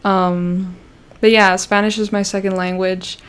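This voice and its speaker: A young Canadian woman hosting a YouTube livestream speaks at a measured pace in a clean, level, medium-pitched voice. Her casual chat rambles with plenty of fillers and restarts, and she comes across as self-conscious.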